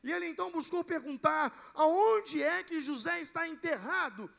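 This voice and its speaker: Pastor guy preaching, really high voice with lots of gravel, storyteller who hits big punchy lines. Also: expressive, moderate pace, a bit bright. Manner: storytelling preacher, building to emphatic declarations. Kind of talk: sermon.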